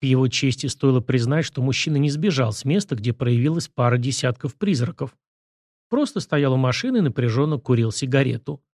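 A man reading a novel in first person, in a measured and even scripted narration. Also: mid-range voice, dry recording, clean studio sound. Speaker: audiobook narrator.

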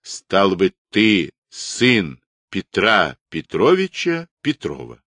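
A man's voice: sits low, wildly swooping pitch, takes it slowly, fairly bright tone, dry recording, clean studio sound, exaggerated voice. A man reading the part of a Cossack army clerk who marvels at a stranger and questions him for the records. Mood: amazed, questioning. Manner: wondering, questioning.

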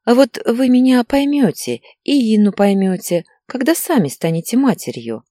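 A woman doing a shrill, tearful pregnant wife. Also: lively intonation, moderate pace, no echo, studio quality. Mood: preachy. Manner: whiny and defensive, breaks into shouting.

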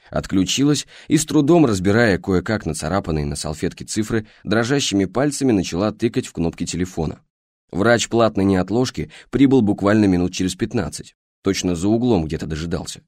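A man with a low voice reads an audiobook in an even, measured way. The sound is dry and close, with no room echo at all. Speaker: audiobook narrator. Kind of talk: audiobook narration.

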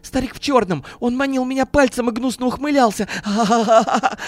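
Audiobook role: a man playing a panicked middle-aged businessman, shrill and wailing, very high voice, dry close sound. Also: brisk, dry recording. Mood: hysterical shrieking.

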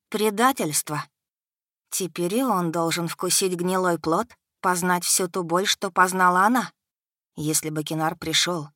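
Low-voiced woman narrating an audiobook. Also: fairly bright tone, no room sound, clean studio sound.

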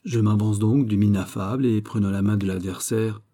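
Porthos: a man doing a booming hearty giant. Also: steady tone, normal speed, warm tone, natural voice. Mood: jovial. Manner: jovial, booming, raised pitch. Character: boisterous giant old-style swordsman nobleman, hearty, boastful. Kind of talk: audiobook character voice.

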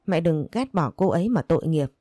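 A woman voicing a grown son who pleads softly with his mother. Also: deep voice, animated, a little fast, dry recording, studio quality, faint music behind. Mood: pleading. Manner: soft, pleading.

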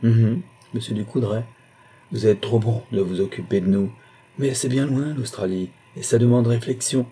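A man's voice: medium pitch, moderate pace, husky, voice pushed up, natural voice. A man voicing a blustering, bitter middle-aged husband in a storybook reading, talking vehemently. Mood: feigned hesitation. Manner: excited and vehement.

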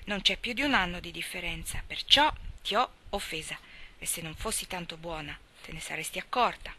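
A woman's voice: fairly low pitch, a little fast, pushed and bright. A woman reading the part of an impetuous young country boy, pleading and insistent.

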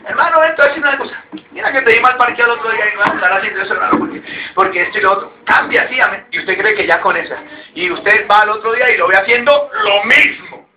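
A man's voice: high voice, fast talker, bright, forceful tone, slight background noise, rough recording. A male pastor, preaching a sermon and exhorting the congregation directly in a conversational way.

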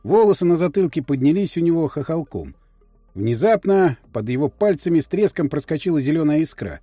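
A man narrating a science fiction story for an audiobook in an expressive, storytelling manner. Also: fairly high pitch, brisk, husky, no echo, faint music behind. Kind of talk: scripted narration.

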